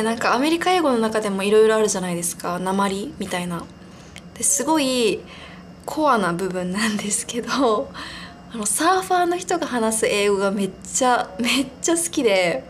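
A young woman in her twenties hosts a relaxed solo podcast, her voice sitting a little on the high side. She rambles along in a chatty, giggly way, often poking fun at herself as she talks. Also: slight background noise. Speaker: podcast host. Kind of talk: casual solo podcast monologue.

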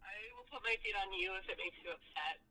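A woman's voice: mid-range voice, animated, fast, bright, forceful tone, rough recording. A woman calling in over a speakerphone, chatting casually and bluntly, swearing offhandedly. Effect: heard over a speakerphone call. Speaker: phone-in caller. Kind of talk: casual chat.

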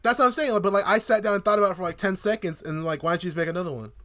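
A man's voice: sits high, racing. A young man co-hosting a podcast, ranting in casual, profane, joking TV review chat. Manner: animated, profane, joking rants. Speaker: podcast co-host.

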